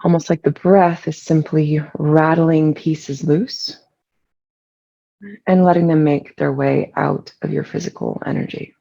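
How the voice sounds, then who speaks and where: Someone guides a meditation in a calm, gravelly voice full of vocal fry, taking it slow and soothing with long pauses. The pitch sits in the middle, and the audio is dull.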